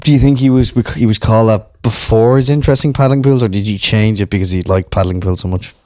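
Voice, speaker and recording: A man's voice: fairly low pitch, fast, mellow, no room sound, clean studio sound. A man co-hosting a comedy podcast, playful and rambling, with many restarts. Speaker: podcast co-host. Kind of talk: casual comedic banter.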